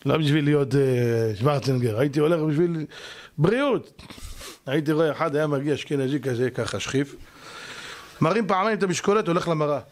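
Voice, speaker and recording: A man, a rabbi, giving an animated lesson to an audience, emphatic and at times shouting, acting out the people he quotes. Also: fairly high pitch.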